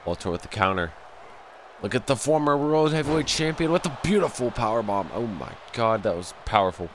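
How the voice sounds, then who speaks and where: A young gameplay commentator with a stuffy nose delivers excitable play-by-play over a wrestling video game, breaking into loud exclamations. His medium-pitched voice moves fairly quickly, and the home desk-mic recording has a little hiss or hum.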